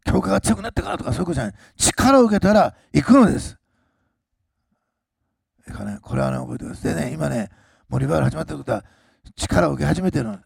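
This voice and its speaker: A very gravelly, husky-voiced man preaches a sermon, his pitch leaping lively up and down. He swings between loud, drawn-out emphasis and quick, low asides. The sound is dry and close. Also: no room sound. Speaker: pastor.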